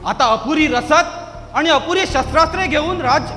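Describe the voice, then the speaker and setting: An actor playing a loyal royal courtier who speaks in a deferential, anxious way in a musical stage drama. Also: male voice, extremely high pitch, normal speed, sharp tone, a little hiss or hum. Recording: echoey hall, long reverb.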